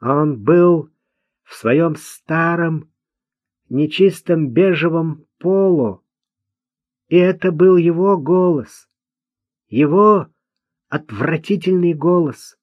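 A man's voice: on the high side, slow pace, no echo, pitched above the performer's own voice. A man voicing a simple-minded, vengeful young man in an audiobook, talking bluntly and childishly. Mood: resentful. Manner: childish, blunt, hate-filled. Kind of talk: audiobook character voice. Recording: dull dry lo-fi recording.

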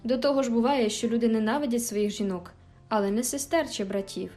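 Storybook teen girl, fiery yet tender, read by a woman, higher voice, faint music behind. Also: brisk, mellow, lightly acted. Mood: indignant. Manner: emphatic, indignant outbursts. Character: spirited teenage girl, quick-tempered but tender.

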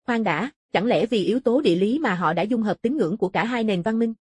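Curious man who explains old ruins, thoughtful, read by a woman narrator, husky, audiobook. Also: medium pitch, lively intonation, a little fast, a little mellow, no room sound, clean studio sound. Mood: musing. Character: curious adult male former lawyer turned ruins explorer.

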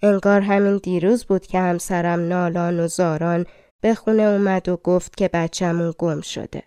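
A woman's voice: lowish voice, fairly even intonation, warm tone, smooth, no room sound, studio quality, close to an everyday voice. A woman reading a storybook, voicing a weary, grieving old cobbler who laments his lost son. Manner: sorrowful, lamenting.

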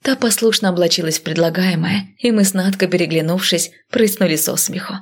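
A woman with a low-set voice reads a first-person audiobook in a measured, even manner. She tells the story steadily and plainly. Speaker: audiobook narrator.

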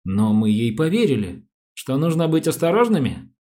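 A man voicing a calm, businesslike male police detective who asks polite, measured questions in an audiobook. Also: a little high, pitched above the performer's own voice. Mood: questioning.

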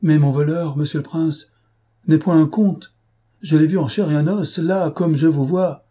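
A man's voice: mid-range voice, moderate pace, warm tone, husky, pitched above the performer's own voice, lightly acted. A man voicing a flustered, pompous middle-aged financier who talks in an agitated, lugubriously confidential way. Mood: alarmed indignant.

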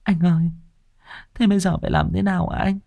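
A man voicing a frightened young wife, pitched high and stammering through tearful pleas. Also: steady tone, moderate pace, a little mellow, close to an everyday voice. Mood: terrified, pleading. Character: terrified young wife, weeping and pleading.

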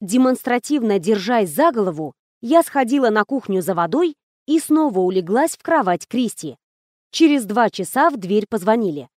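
A woman narrates a novel in the first person with a wry, lively touch. Her voice sits high. The recording is dry and close, with no room sound. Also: moderate pace, no echo. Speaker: audiobook narrator.

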